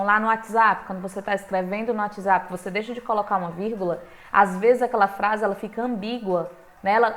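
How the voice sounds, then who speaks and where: Chatty Brazilian woman teaching grammar. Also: a bit bright. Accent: Brazilian Portuguese. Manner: conversational, checking in with frequent "right?" tags; emphatic, with sudden lifts in pitch and volume. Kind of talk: online grammar lesson.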